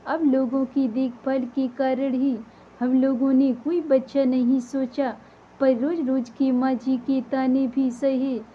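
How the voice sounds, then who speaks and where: A woman's voice: high voice, flat delivery, slow pace, slightly rough, muffled recording, exaggerated voice. Woman doing a firm, principled daughter-in-law. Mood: reproachful. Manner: firm, reasoning.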